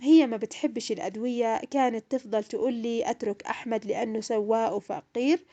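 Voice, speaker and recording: A woman's voice: on the high side, steady tone, fast, warm tone, highs cut off. A young woman narrating her own painful story in the first person, in an emotional, plaintive way. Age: young adult.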